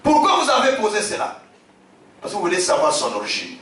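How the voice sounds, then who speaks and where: A man from Africa, a bishop preaching a sermon, emphatic, repeating his phrases and shouting key lines. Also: high-pitched, wildly swooping pitch, fairly quick, background noise. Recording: very echoey hall, distant from the mic.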